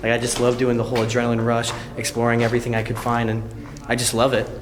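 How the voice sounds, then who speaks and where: A man's voice: medium pitch, monotone, quick pace, crowd noise. A young man chatting casually as an urban exploring vlogger, informal and exclamatory, recorded inside an abandoned tunnel. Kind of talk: casual exploring vlog chat. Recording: noisy on-location recording with ambience.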